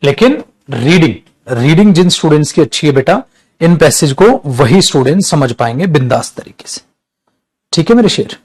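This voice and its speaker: A man's voice: a little high, lively intonation, moderate pace, slightly rough. A man teaching an exam-prep lesson, casual and teacherly, mixing English terms into his explanations and calling his students beta.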